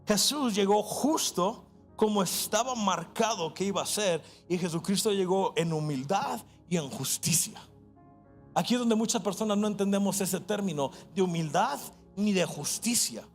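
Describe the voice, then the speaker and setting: A high-pitched man with a Mexican Spanish accent preaching a fervent sermon, his voice gravelly with fry. He swings from quick asides to slow, stressed phrases and rises to shouts. Faint music plays behind him. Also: lively intonation. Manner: impassioned, shifts between quick asides and slow emphasis, shouts at peaks. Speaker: pastor.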